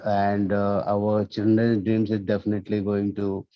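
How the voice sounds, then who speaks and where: Caller: low, monotone man, slow and hesitant, dull lo-fi dry line. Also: dry recording. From India. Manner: hesitant, many uh fillers. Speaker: webinar caller. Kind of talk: call-in remarks. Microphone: video call. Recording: dull lo-fi dry call audio.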